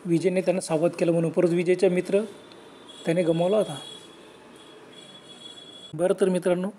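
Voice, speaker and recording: Man, high-pitched voice, spooky story narration, lively acted-out dialogue, colloquial telling. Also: moderate pace, slight background noise. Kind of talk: spoken horror story narration.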